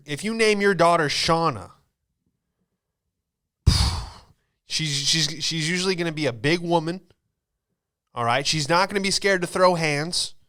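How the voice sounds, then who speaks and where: His voice is a little high, a bit bright, clear and resonant. He is an American podcast host in his late twenties, telling comedic stories in a relaxed, slangy, meandering style.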